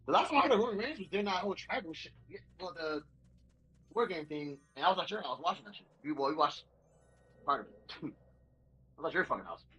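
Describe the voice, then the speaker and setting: A man's voice: on the high side, expressive, fast talker, pauses often, bright, forceful tone, dull audio. A man in a casual stream chat, rambling, repeating himself and swearing often.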